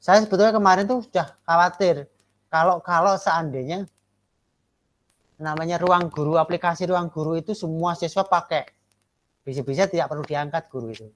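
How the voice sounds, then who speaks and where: A man gives a classroom lecture and feedback to trainee teachers. He keeps checking for agreement with short rhetorical questions. He slows down to stress the words that matter. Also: a little high.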